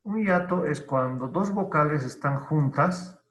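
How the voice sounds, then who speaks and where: A male teacher giving an online grammar lesson, who explains deliberately, repeats key terms and asks and answers his own questions. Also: fairly high pitch, fairly bright tone. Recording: roomy, dull lo-fi online class audio.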